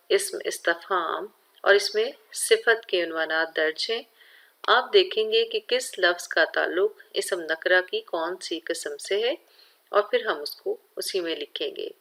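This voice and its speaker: A woman with a Pakistani Urdu accent teaches a grammar lesson to young pupils at an unhurried, deliberate pace. Her voice sits a little low for a woman, and she explains each point patiently while speaking straight to her class. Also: fairly bright tone. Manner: slow, careful explaining, addresses students directly. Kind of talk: recorded grammar lesson for children.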